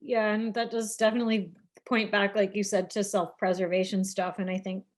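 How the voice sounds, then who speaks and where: A woman co-hosting a casual podcast chat, animated and laughing, with many filler words. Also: medium pitch, fairly quick. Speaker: podcast co-host.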